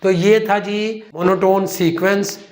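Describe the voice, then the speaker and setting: A man teaching a math lesson, slowly asking and answering his own questions and calling his students "children". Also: high-pitched, level tone, darkish tone. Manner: slow, explains step by step, asks and answers his own questions; calls students "children" and "son". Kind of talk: whiteboard lecture.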